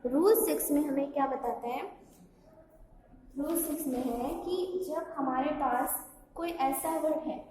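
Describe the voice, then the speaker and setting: Woman, English teacher, slow and methodical, spells out words and quizzes the class, recorded in a very echoey room. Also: high-pitched, mellow, recorded from a distance. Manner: asks the class questions and checks "okay?". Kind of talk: classroom grammar lesson. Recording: echoey hall with faint background noise.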